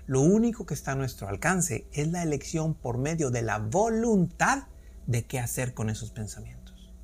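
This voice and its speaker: A man's voice: mid-range voice, darkish tone. A man hosting a solo podcast, explaining ideas earnestly and asking rhetorical questions. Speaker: podcast host. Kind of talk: reflective solo podcast talk.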